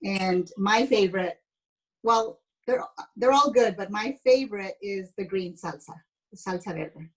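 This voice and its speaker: Speaking a little slowly in a mid-range voice, this interview guest is a woman in her fifties from San Jose, United States, an educator and former pastry chef. She tells stories casually and explains things chattily, though the audio is poor.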